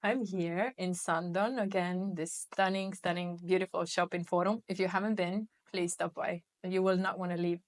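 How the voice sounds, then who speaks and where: A woman with a slightly low voice hosts a relaxed podcast interview. She keeps the conversation flowing with encouraging affirmations, and the sound is close and dry with no room echo. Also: normal speed, hardly any pauses. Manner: warm, encouraging, frequent mm-hmms. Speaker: podcast host. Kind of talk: casual interview chat.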